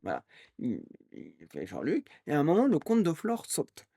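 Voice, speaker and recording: A man streaming live, telling a rambling story in a casual, animated way and acting out the people he quotes. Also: fairly high pitch, normal speed, gravelly, no echo, studio quality. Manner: animated, acts out quoted voices; rambling with restarts and fillers.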